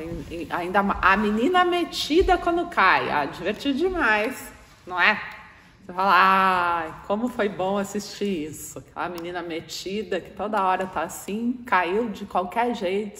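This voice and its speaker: A woman's voice: mid-range voice, very animated, normal speed, a bit bright. Brazilian woman talking to a crowd, keeps asking them stuff, roomy hall with long reverb. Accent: Brazilian Portuguese. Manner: chatty, keeps asking the audience for replies. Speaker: speaker addressing an audience. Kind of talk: informal spiritual talk to a live audience. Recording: echoey hall with faint noise.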